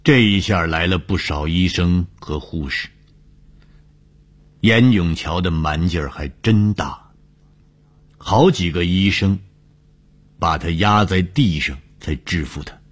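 A man narrating a broadcast story in a measured, dramatic way. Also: low voice.

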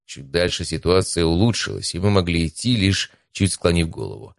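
This is a very deep, gravelly male voice reading an adventure audiobook at a moderate pace. His first-person narration stays calm and even, and the close recording has no room echo at all.

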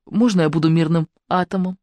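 A woman's voice: fairly low pitch, steady tone, a little fast, warm tone, dry recording, close to an everyday voice. A woman doing a mild, dreamy plump woman. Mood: musing. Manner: mild, musing, unoffended.

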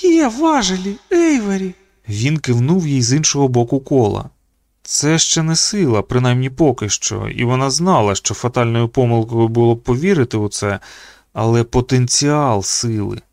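A man narrating an audiobook in an expressive reading voice. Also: moderate pace, no room sound, clean studio sound. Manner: reads expressively, pitching up for the children's quoted lines.

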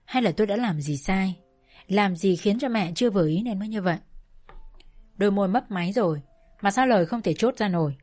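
Woman, storyteller, first-person narration, soft and emotional, faint background music. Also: mid-range voice, animated, fairly quick.

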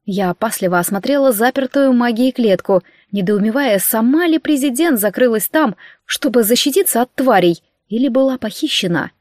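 A woman's voice: on the high side, normal speed, no room sound, clean studio sound. Woman narrating a fantasy audiobook. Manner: lively, dramatic reading with voiced characters.

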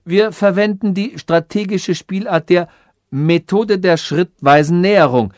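A man's voice: high voice, measured pace, a little mellow, dry recording, clean studio sound, voice pushed up. A man voicing a scheming calculating machine. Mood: musing. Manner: lofty, scheming, lecturing. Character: cunning, vain female calculating machine.

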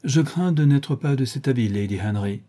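A man's voice: mid-range voice, expressive, normal speed, dark tone, voice pushed up, natural voice. A man voicing an earnest, lovestruck young dandy in an audiobook reading.

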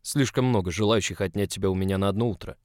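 A domineering, possessive boss who growls his orders in short, stern lines, voiced by a man reading a story. His voice sits low. The recording is dry and close, with no room sound. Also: fast talker, darkish tone, no room sound, lightly acted.

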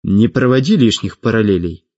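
A man voicing a calm, slightly awkward young man, with a slightly husky voice. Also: on the low side, normal speed. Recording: dull lo-fi audiobook with faint music.

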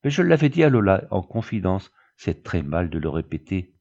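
A man reading the part of a chatty, excitable young girl who confides eagerly to her big sister, in a storybook reading. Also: low-pitched, moderate pace, lo-fi sound, heavily acted. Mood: confiding.

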